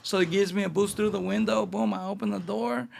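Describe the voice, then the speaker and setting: A man's voice: sits high, steady tone, a little fast, creaky, a little hiss or hum. A man with a Los Angeles Chicano accent telling street stories in a casual, slangy interview, acting out what people said. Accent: Los Angeles Chicano English. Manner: slangy street storytelling, acts out quotes. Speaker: guest.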